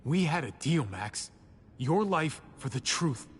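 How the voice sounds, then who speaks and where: A man's voice: on the high side, sing-song, takes it slowly, big-room sound, a little hiss or hum. An actor playing a protective, earnest man in a video game, speaking firmly. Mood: confrontational. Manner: earnest and firm. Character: protective man standing up to a leader.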